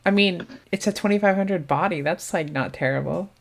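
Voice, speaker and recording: A woman with a Southern US accent talks through a card game tournament as its commentator. Her voice sits a little low, and she is chatty, thinking aloud and picking up viewers' questions as she goes. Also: brisk, vocal fry. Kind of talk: casual live game commentary.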